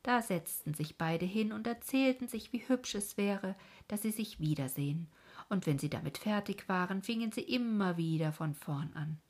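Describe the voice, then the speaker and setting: A woman narrating a fairy tale in a soft, calm storytelling manner with a breathy voice. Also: mid-range voice, moderate pace.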